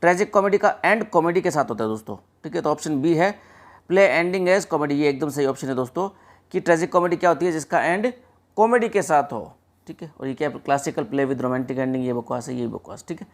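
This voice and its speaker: A man's voice: fairly high pitch, lively intonation, a little fast. Man explaining a lesson step by step. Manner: explains step by step, often saying "ठीक है" and addressing friends; mixes English terms into Hindi explanation. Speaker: exam prep teacher.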